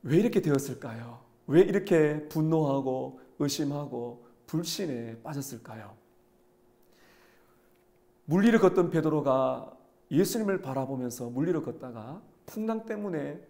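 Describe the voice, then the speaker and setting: A man's voice: medium pitch, animated, normal speed, mellow. A male pastor giving an earnest sermon, often putting rhetorical questions to his listeners.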